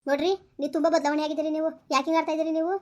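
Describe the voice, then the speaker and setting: A woman's voice: high voice, little pitch movement, a little mellow, natural voice. A woman playing a suspicious, hurt young pregnant wife who nags her husband in a village comedy skit. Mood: reproachful. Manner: complaining, questioning, rapid.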